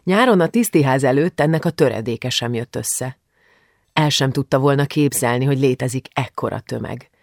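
Brief: male narrator, measured storytelling, mid pitch, gravelly texture. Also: no room sound, studio quality. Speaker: audiobook narrator. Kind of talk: scripted narration.

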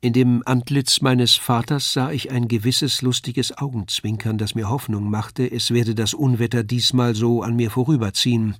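An older man reading a classic novella aloud in a measured, even storytelling manner. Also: medium pitch, no room sound, clean studio sound. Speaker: audiobook narrator. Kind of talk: scripted literary reading.

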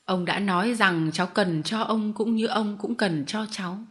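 A stern old man who runs a travelling show of performing dogs, as a woman reading the story gives him voice. He speaks in curt, commanding words at an ordinary pitch, and he expects to be obeyed. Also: normal speed, lightly acted. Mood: firm. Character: stern old male street-show master.

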